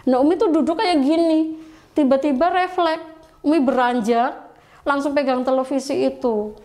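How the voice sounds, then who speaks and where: Middle-aged woman, high voice, emotional testimony with pleading prayers. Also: normal speed, darkish tone. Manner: refers to herself as Umi, pleading quoted prayers. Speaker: guest telling her conversion story.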